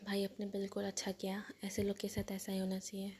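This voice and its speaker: A woman reading the lines of a teasing, cheeky young man in her own breathy voice. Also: mid-range voice, monotone, a little fast, darkish tone, slight background noise, natural voice.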